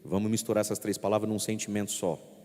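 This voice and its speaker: A priest delivers a sermon in a big hall, his voice on the low side and darkish, flat in delivery and quick. Addressing the congregation head-on and urging them along, he dramatizes inner voices and gestures as he goes.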